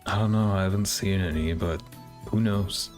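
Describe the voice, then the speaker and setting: A gaming video creator with a deep, slightly mellow voice gives casual, laid-back reactions to game trailers at a normal speed, musing as he goes. Game trailer music plays behind his voice.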